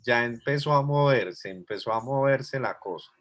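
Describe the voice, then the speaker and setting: Male teacher, mid-pitched, patient, explains step by step to a class on a video call. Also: normal speed. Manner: patient, explanatory, thinking aloud. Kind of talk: online class lecture.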